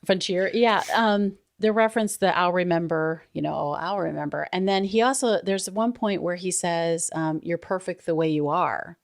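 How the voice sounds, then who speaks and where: Middle-aged lady podcast host, kinda low voice, rambly and giggly, dry mic. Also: moderate pace, creaky, hardly any pauses, no echo. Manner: chatty and rambling, laughs often. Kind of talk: casual chat.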